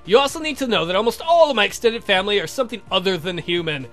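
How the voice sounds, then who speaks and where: A man with a high, quick, lively voice and a slightly bright tone plays a courtly vampire count from a visual novel game, hopelessly in love. He speaks formally and at length, earnestly confessing his feelings over soft background music.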